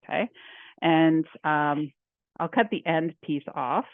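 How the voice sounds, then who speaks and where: A woman's voice: deep voice, slow pace, dry recording. A woman home economist giving a chatty cooking demonstration, talking through each step as she works. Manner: chatty, laughs often, talks through her steps. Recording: dry tinny phone-like audio.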